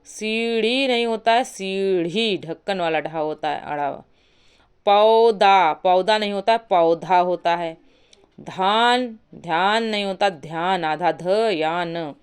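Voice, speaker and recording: A woman teaching a Hindi spelling lesson, slowly repeating and spelling out each word. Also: medium pitch, smooth. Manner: slow, deliberate, repeats and spells out words.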